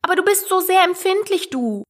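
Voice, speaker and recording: A woman's voice: high-pitched, big pitch swings, moderate pace, fairly bright tone, voice pushed up. Woman doing an eager, curious young girl. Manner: eager, earnest.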